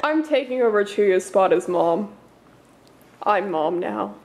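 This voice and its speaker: A young woman cosplaying in an improvised comedy skit, talking deadpan and playful, sometimes sing-song. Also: medium pitch, takes it slowly. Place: indoors at home. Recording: echoey room with loud noise.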